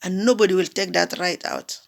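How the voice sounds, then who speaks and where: A woman from South Sudan, a diaspora commentator, gives an impassioned political address, emphatic, repeating phrases and posing rhetorical questions. Her voice is fairly low with vocal fry, fairly even in intonation, and moderately paced.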